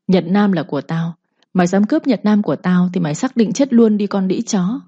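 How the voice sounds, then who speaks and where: A woman's voice: medium pitch, dark tone, slightly rough, no room sound, dull audio. A woman narrating a dramatic audio story, voicing every character herself with little change.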